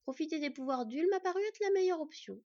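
A woman's voice: very high voice, fast, no room sound, voice pushed up. A woman doing a cold, distant fox girl. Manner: flat, cold, detached. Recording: dull lo-fi recording.

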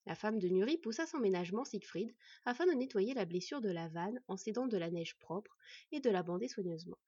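A woman calmly narrating a fantasy audiobook. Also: medium pitch, brisk, slightly rough, dry recording, dull audio.

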